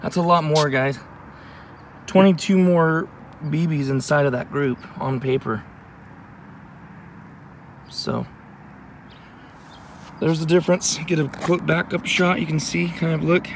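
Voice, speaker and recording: A man's voice: a little high, unhurried, pauses often, a little hiss or hum. A man in his thirties giving a casual, matter-of-fact review at an outdoor shooting range, recorded by a camera a few steps away. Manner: plain, matter-of-fact explaining. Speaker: channel host. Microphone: camera mic at a distance.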